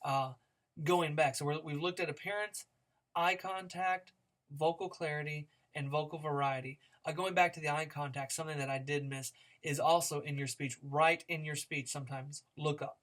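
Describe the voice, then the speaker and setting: A male speech instructor lectures on a recording with fairly even intonation and a moderate pace. He is conversational and demonstrative, frequently using fillers and restarts as he varies speed, pitch and loudness to show what he means.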